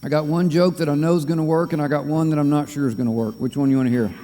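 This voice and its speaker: A man's voice: on the high side, steady tone, racing, background noise. A man preaching a sermon, telling jokes in a folksy, rambling way before turning to scripture. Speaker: pastor. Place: church sanctuary. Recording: church hall reverb.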